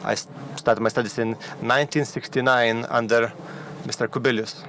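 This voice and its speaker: A man, politely asking a question from the audience in a slightly halting way. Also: medium pitch, level tone, fairly bright tone, slight background noise. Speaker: audience member.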